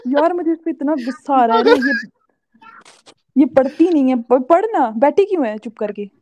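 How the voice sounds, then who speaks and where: A woman with a high voice argues on a live-stream panel, mocking and bossy in her tone. Faint noise runs under her audio. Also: lively intonation, moderate pace, warm tone. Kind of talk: heated live-stream argument.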